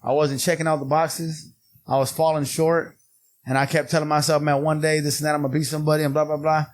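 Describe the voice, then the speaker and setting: A man's voice: fairly high pitch, level tone, fast talker. A man telling personal stories as a podcast guest, blunt and slangy, swearing freely. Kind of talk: casual personal storytelling.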